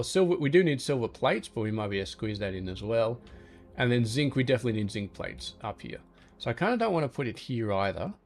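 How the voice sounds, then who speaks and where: Easygoing man thinking aloud. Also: medium pitch. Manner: easygoing, thinking aloud, talks to game objects. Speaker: gaming channel host. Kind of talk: relaxed gameplay commentary.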